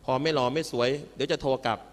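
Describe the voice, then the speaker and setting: A monk preacher delivers a humorous, playful sermon to students, joking and calling his listeners children. His medium-pitched voice moves very fast, recorded in a reverberant hall with faint music.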